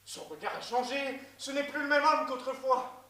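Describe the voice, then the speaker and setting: A suspicious, cowardly friend in ancient Greece acted on stage speaks with excitable melodrama. The voice is high and bright, in farcical comedy, picked up from across a roomy space. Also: normal speed. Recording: roomy, distant mic.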